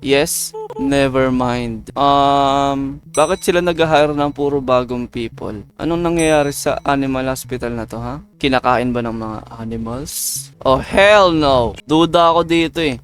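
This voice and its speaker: A man's voice: mid-range voice, unhurried, faint music behind. A man from the Philippines giving playful, joking let's-play commentary, chatting with his viewers as he plays. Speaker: gaming video creator.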